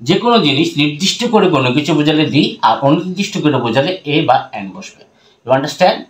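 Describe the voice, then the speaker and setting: A man's voice: a little high, animated, fast talker. Bangladeshi teacher quizzing his viewers. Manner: asks the class questions and answers them himself; mixes English phrases into his talk. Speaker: English teacher. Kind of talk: grammar lesson.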